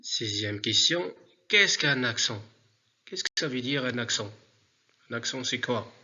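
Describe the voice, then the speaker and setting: A man teaching a remote spelling lesson to pupils, speaking deliberately and repeating words for dictation. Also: medium pitch, expressive, bright, forceful tone, lo-fi sound.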